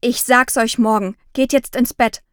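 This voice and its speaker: A woman's voice: on the high side, fairly even intonation, moderate pace, a little mellow, no echo, lightly acted. A stern, upset mother who scolds firmly and gives orders in a raised voice, read by a woman. The recording is dry and close. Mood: scolding. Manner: scolding, firm. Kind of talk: audiobook reading.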